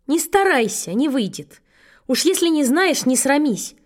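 A woman voicing a stern, impatient middle-aged schoolteacher who speaks low and strictly to a pupil. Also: sing-song, a little slow. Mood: scolding. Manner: strict, lower and quieter than the narration.

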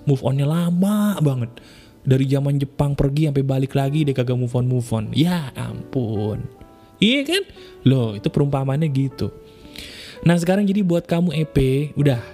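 A man, hosting an advice show and answering listener emails in a casual, lively way, mixing slang and acting out quoted voices. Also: mid-range voice, moderate pace. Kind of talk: casual spoken advice monologue. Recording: soft guitar music behind.

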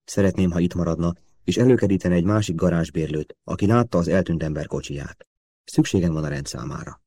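A man reading the lines of a brisk male intelligence officer who gives clipped orders. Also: low-pitched, mellow.

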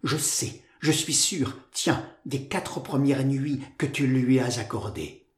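A man's voice: fairly high pitch, moderate pace, reverberant, natural voice. A man voicing a proud, disdainful young woman. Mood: curt. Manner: curt, disdainful delivery.

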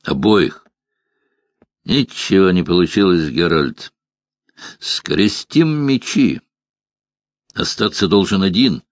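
A man reading the part of a proud, impulsive male sorcerer who speaks bitterly and shouts orders in an audiobook. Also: sits low, expressive, slow pace, long pauses, dry recording, full character voice.

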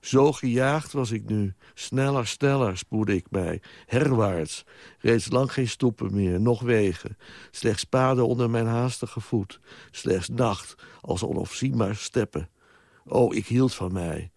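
A man reciting a poem in a slow, solemn way. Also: mid-range voice, darkish tone, dry recording, studio quality. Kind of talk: poetry recitation.

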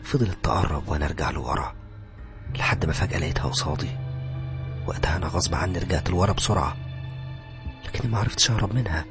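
A man's voice: low-pitched, fast talker, pauses often, loud music behind the voice. A man with an Egyptian accent narrating a first-person horror story in a tense voice that sometimes sinks to a whisper. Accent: Egyptian Arabic.

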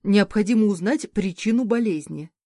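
A woman's voice: mid-range voice, moderate pace, warm tone, dry recording, studio quality, lightly acted. A woman voicing a worried middle-aged father who speaks in an earnest, concerned way.

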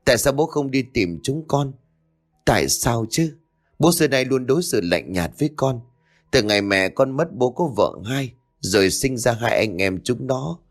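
A man voicing the ghost of a young man who weeps and pleads, reproaching his father in a raised, lively voice. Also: medium pitch, normal speed, soft background music, voice pushed up. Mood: bitter. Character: wronged ghost of a young man, wailing and bitter.

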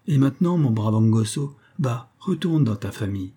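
A man reading a calm, fatherly castaway leader. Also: medium pitch, breathy edge. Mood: earnest. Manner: measured, earnest, kindly.

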